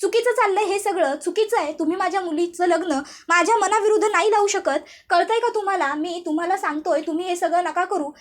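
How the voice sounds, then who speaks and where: A woman reading the lines of a middle-aged father, shouting and insistent as he pleads for his daughter. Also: extremely high pitch, moderate pace. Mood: pleading shout.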